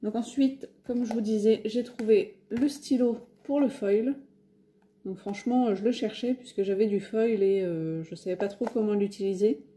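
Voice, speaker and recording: A woman's voice: mid-range voice, moderate pace, mellow. A French woman casually showing her craft shopping haul, talking with many hesitations and fillers. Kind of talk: casual haul video talk. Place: home, near a window.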